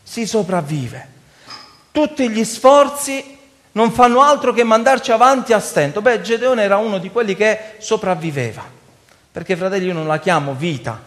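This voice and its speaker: A man's voice: high-pitched, lively intonation, normal speed, fairly bright tone, big-room sound. A man preaching a sermon to his congregation, passionately and often calling out to the brothers. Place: church.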